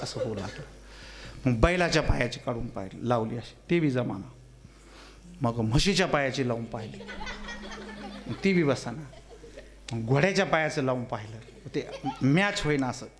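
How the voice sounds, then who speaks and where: A man preaching a kirtan sermon, telling humorous stories and questioning the crowd, swinging between loud exclamations and quiet asides. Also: medium pitch, slight background noise. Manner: teasing, asks the audience questions.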